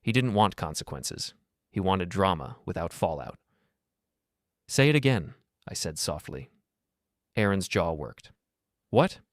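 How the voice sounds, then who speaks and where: A man narrates a first-person drama in a very low voice, keeping his delivery calm and measured. The sound is dry and close, with no room around it. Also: dry recording.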